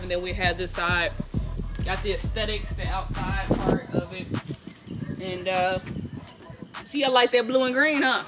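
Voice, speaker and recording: A woman's voice: mid-range voice, roomy sound. Chatty woman vlogger giving a house tour. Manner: laid-back, chatty, addressing viewers. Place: indoors and backyard of a house.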